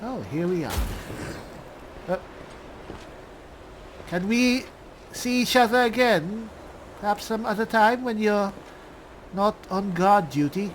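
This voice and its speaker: A man playing a pompous old high elf spellsword. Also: slow, pauses often, a little hiss or hum, rough recording. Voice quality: genteel, mannered courtesy. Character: elderly male high elf spellsword, pompous, self-assured. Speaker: roleplaying game player. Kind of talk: in-character game roleplay.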